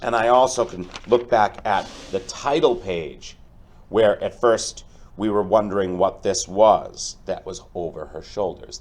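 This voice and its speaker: A man with a deep, somewhat dark voice reads a storybook aloud to teach his pupils. He speaks deliberately and explains things to them directly.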